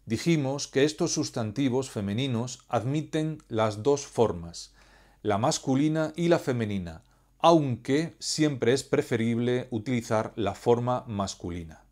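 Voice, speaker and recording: A man teaching Spanish grammar, explaining rules in a measured, clear, didactic way. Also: mid-range voice, animated, darkish tone. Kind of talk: scripted educational explanation.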